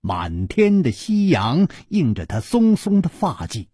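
Male storyteller, slow and measured, husky, dry close sound. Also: on the high side, no room sound. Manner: slow, measured, expressive narration. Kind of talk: Chinese storytelling broadcast.

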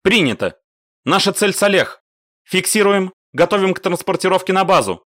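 A man voicing a brisk, commanding woman squad leader in an audiobook. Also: lowish voice, animated, no room sound, clean studio sound, pitched above the performer's own voice. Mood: clipped radio. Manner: bossy, no-nonsense.

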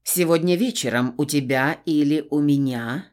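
A woman reading the part of an eager young man, an ex trying to impress, in a soft and careful way. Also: deep voice, normal speed, voice pushed down, close to an everyday voice.

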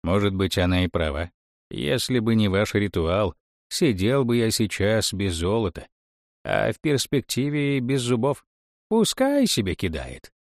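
An easygoing old grandfather who speaks calmly and plainly, as a man voices him. The voice stays close to the narrator's own, in a dry, close recording. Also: lowish voice, a little slow, dry recording. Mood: musing. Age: older.

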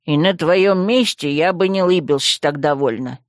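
A woman voicing a grumpy, rude male talking skull staff in an audiobook, gruff and scolding. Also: low-pitched, moderate pace, dry recording, clean studio sound, lightly acted. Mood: scornful grumbling. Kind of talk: audiobook character voice.

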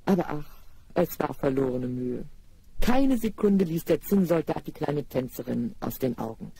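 A man narrating a fairy tale for children in a radio play, lively and speaking directly to the listeners. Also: on the high side, moderate pace, creaky, slightly rough.

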